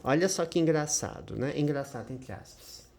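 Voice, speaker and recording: A Brazilian man walks viewers through an English grammar lesson in a chatty teaching voice. His pitch swings up and down, and he keeps checking in with them as he goes. The recording has a noticeable roomy echo. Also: expressive, normal speed, a little mellow. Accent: Brazilian Portuguese. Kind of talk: screen-share grammar lesson.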